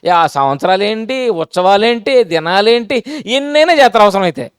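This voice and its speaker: A man preaching with a notably high voice, recorded dry and close. He talks to his congregation in a plain, conversational way, repeating his points and firing rhetorical questions at them. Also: expressive, moderate pace, clear, resonant tone, dry recording. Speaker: pastor. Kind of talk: sermon.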